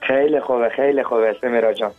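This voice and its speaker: A man's voice: medium pitch, steady tone, no room sound, narrow, tinny audio, faint music behind. A man from Herat speaking with a Herati accent, a guest singer on a radio show, courteous and brief in his replies. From Herat, Afghanistan.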